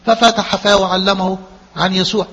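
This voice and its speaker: A man with an Egyptian Arabic accent preaching a sermon in a church hall, lively and conversational, full of rhetorical questions. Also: high voice, fairly quick, breathy edge.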